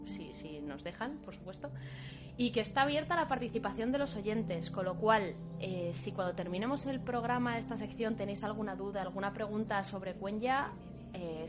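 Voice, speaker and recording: A woman hosts the podcast, encouraging her guest and laughing easily as she keeps things moving. Her voice sits at a middle pitch. Music plays clearly beneath the conversation. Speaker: podcast host. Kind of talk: podcast hosting chat.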